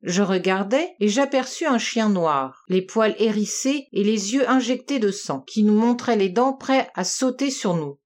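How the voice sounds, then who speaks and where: A woman narrating a classic novel as an audiobook, measured and expressive. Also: medium pitch.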